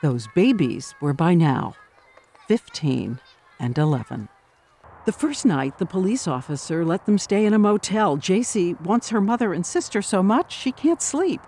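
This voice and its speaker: A man's voice: sits high, big pitch swings, a little slow, mellow. A man giving scripted documentary narration with a dramatic, emphatic delivery. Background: music.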